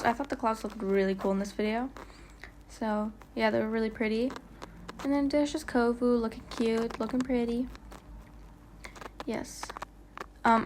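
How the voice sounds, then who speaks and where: Chatty young-sounding woman, bright voice. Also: on the high side, a little hiss or hum. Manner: chatty, rambling, lots of "like" fillers; stumbles and stutters on words. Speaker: vlogger. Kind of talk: casual travel vlog voiceover. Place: voiceover, not recorded on location.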